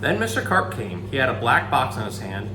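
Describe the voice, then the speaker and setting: Speaking briskly in a mid-range voice, this man performs a children's story with lots of expression, voicing the characters and chatting offhandedly to a pet now and then. There's echo and a background hum on the recording.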